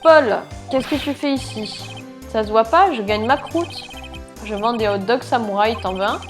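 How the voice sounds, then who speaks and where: A woman voicing a goofy, lovestruck young man in a video game, in an excitable, gushing way, over game music. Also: fairly high pitch, moderate pace, close to an everyday voice. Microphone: lapel mic.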